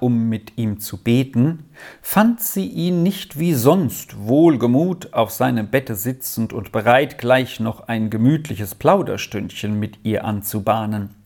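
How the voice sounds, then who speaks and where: A narrator reading an old-fashioned children's story aloud in an expressive way. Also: mid-range voice, creaky. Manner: expressive, unhurried.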